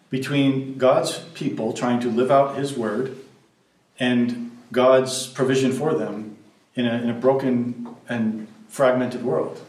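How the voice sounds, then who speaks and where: Man preaching in a roomy church. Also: mid-range voice. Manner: conversational, thinking aloud with fillers and restarts. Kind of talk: sermon teaching. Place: church hall. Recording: roomy, from a distance.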